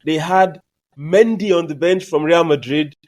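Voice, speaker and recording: Man, fairly high voice, emphatic, opinionated sports podcast chat. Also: measured pace. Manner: emphatic, lively opinionated delivery. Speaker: podcast co-host.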